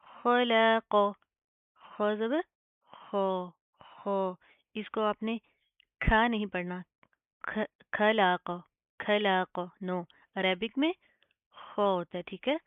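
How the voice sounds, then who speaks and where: A woman leads a careful recitation lesson, repeating each word slowly and checking in after every rule. Her voice is smooth and clear, though the sound is thin like a phone line and completely dry. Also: medium pitch, no echo. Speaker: Quran recitation teacher. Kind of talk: step-by-step tajweed lesson.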